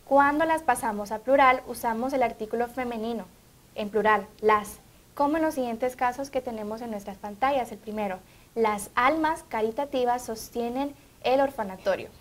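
A woman with a Honduran Spanish accent co-hosts a studio TV show. Her voice sits a bit high, and she reads out questions and announcements in a clear, bright manner. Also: moderate pace. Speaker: TV co-host. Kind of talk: educational TV talk.

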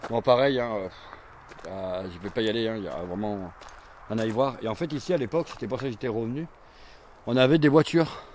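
A man in his forties, an urban explorer vlogger, rambles chattily to his handheld or chest-mounted action camera while walking through an abandoned, burned campsite outdoors, full of fillers and repetition. His voice is medium-pitched, fast and darkish in tone, with slight background noise.

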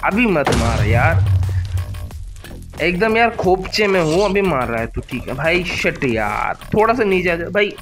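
An excitable young Indian man talks through his gameplay, pleading and yelling at the monsters on screen. His voice sits a little high for a man. Faint music plays beneath him. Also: a little slow. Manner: excitable, shouts at game mobs, pleading bursts. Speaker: gaming YouTuber. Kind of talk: gameplay commentary.

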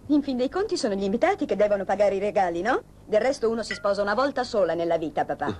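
A woman's voice: mid-range voice, big pitch swings, rapid-fire, a little mellow, a little hiss or hum, natural voice. A woman voicing a spoiled, impatient young woman eager to marry, in a dubbed telenovela. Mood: excited. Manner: impatient, snobbish. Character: spoiled, excitable young bride-to-be. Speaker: daughter.

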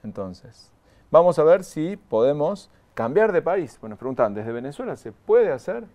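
Leading a live online training from a studio with a graphic backdrop, a man speaks directly to viewers. His voice sits on the high side with big pitch swings, a warm tone, and normal speed, and he explains patiently while repeating key points.

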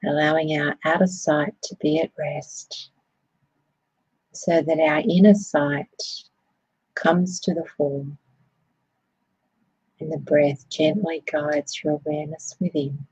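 A woman guides a body scan meditation in a low, very breathy, husky voice, speaking slowly and soothingly in gentle phrases with fairly even intonation. Her tone is soft and mellow, with no room sound, though the recording quality is low.

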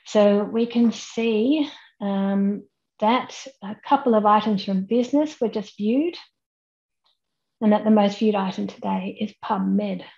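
A woman, giving a measured, explanatory conference keynote over a webcam. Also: mid-range voice, creaky, warm tone, dull audio. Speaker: keynote speaker. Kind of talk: online conference presentation. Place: indoors at home, plain wall behind. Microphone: webcam at desk, head and shoulders framing.

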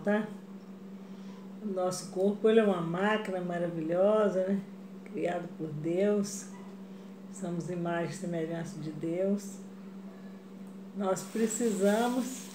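Slow, mellow-voiced woman in an echoey kitchen. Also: mid-range voice, slight background noise. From Brazil. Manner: chatty, addresses viewers as "gente", frequent "né?" and "tá?". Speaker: craft vlogger. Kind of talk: casual craft tutorial chat. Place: home kitchen, indoors, tiled walls.

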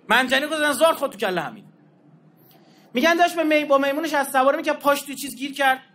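Male lecturer, high voice, animated and informal, acts out the dialogue in his stories. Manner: animated storyteller, acting out quoted exchanges; informal street slang and asides. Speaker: religious lecturer. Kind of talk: colloquial religious history lecture.

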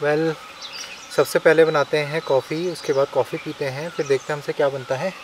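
Brief: male camping vlogger, a touch high-pitched, chatty on-camera explainer, outdoors with faint bugs and birds behind. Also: flat delivery, brisk, a little hiss or hum. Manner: chatty, explains each step to viewers. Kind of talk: casual vlog narration to camera. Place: outdoors at a forest campsite in the hills.

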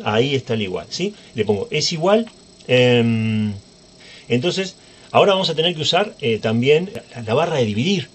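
A man's voice: mid-range voice, husky. A man giving an informal, chatty computer tutorial, often checking in with his viewers. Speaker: tech tutorial presenter. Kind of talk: screen-recorded computer tutorial.

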